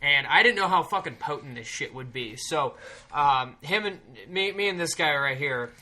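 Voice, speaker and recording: A young man tells a story on a casual podcast in a bright, clear voice that sits a little high. He talks in a loose, rambling way, swears freely and gets animated. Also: normal speed. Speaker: podcast co-host.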